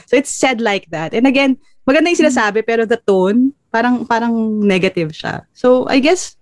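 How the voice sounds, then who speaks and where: A woman's voice: fairly high pitch, moderate pace, dry recording. A woman hosting a casual chat, switching between Filipino and English, laughing often and telling stories with energy. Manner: Taglish code-switching, laughs often, lively storyteller. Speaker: host.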